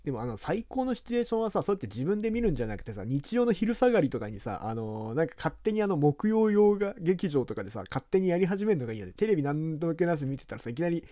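A man from Japan talking casually over a video game he plays, rambling and chatty in rough, informal speech. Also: fairly high pitch, sing-song, fast, hardly any pauses, dark tone, dry recording, clean studio sound. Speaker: game commentator. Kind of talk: casual let's-play commentary.

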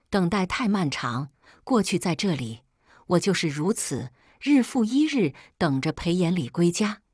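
A woman narrating a first-person story in a sorrowful, measured reading. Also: on the low side, a little mellow, no room sound, clean studio sound.

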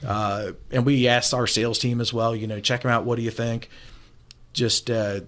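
Man in his 40s talking shop on a radio call-in, brisk and sure of himself, studio mic. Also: mid-range voice, level tone. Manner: brisk, confident business talk. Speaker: appliance store owner guest. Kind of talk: casual radio talk interview. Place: small room, indoors, remote video call. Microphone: studio mic with headphones.

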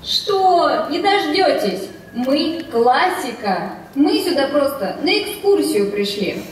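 A woman's voice: sits high, very animated, slow pace, exaggerated voice. A woman playing a snooty, dismissive fourteen-year-old anime schoolgirl in a parody skit. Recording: echoey hall, far off, some noise.

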